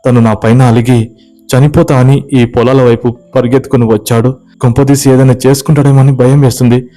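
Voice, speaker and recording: A man's voice: medium pitch, measured pace, mellow, breathy edge, soft background music, voice pushed up. A man voicing a distraught middle-aged village woman, tearful and frantic.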